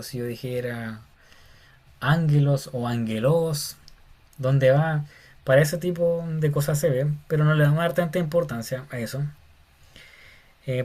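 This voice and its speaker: Male teacher, somewhat high voice, relaxed explanatory lecture style, informal. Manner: casual, addresses listeners as "hermano", many fillers. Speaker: Bible Greek teacher.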